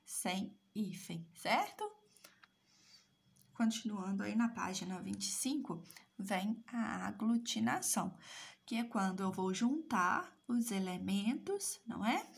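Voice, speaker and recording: A woman's voice: medium pitch, slow, gravelly, slightly rough. A woman teaching a recorded language class, explaining step by step and checking in with "right?" after each point. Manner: explanatory, asks "certo?" and "né?" again and again. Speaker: Portuguese teacher.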